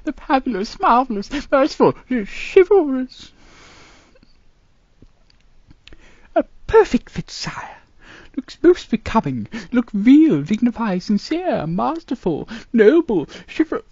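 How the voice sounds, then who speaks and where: A woman's voice: fairly high pitch, big pitch swings, a little slow, a little mellow, breathy edge, no echo, muffled recording, exaggerated voice. A woman doing a cartoon impression of a fussy, fawning male snake advisor with a hissing, sibilant, pompous delivery.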